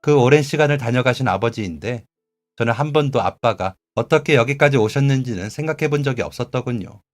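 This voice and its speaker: Young male narrator, calm and reflective, mid-pitched, soft music underneath. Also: fairly quick. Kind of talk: scripted story narration.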